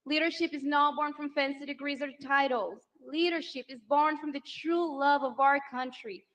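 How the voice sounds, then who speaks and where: Introducing her political spouse, a Venezuelan woman in her thirties speaks emotionally into a handheld mic at a large outdoor rally, building to rousing applause lines. Her voice is high and a bit bright, steady in tone, at a moderate pace.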